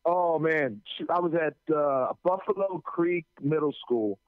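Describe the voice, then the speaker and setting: Animated New man over a tinny line. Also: on the high side, a little slow, clear, resonant tone, no echo. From New Jersey. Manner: animated, stammers on starts, acts out others' lines. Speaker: anti-drug school speaker, radio guest. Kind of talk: casual storytelling chat. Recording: tinny phone-line sound, dry.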